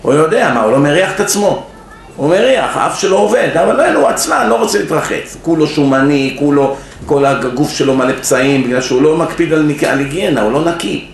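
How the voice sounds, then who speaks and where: A man's voice: a little high, expressive. A rabbi giving a sermon at a yeshiva, telling stories, acting out the people in them and putting questions to his listeners. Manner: storytelling with acted-out quotes, asks the audience questions. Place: yeshiva hall. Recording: echoey room with faint noise.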